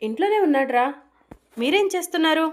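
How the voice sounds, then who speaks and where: A woman's voice: sits high, animated, quick pace, pitched above the performer's own voice. A woman reading the lines of an anxious middle-aged aunt in a retold serial story. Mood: worried. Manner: anxious, questioning.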